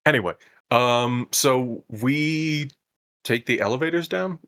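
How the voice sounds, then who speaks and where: A man speaking as a tabletop player, at an ordinary mid pitch. He talks casually, trailing off into filler words as he lays out plans. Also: slow pace, a bit bright. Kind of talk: casual tabletop play chat.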